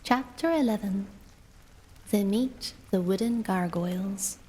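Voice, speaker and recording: A woman reading a bedtime storybook aloud in a soft, hushed, unhurried way, as a whispered role-play. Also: mid-range voice, slightly rough, in a large hall.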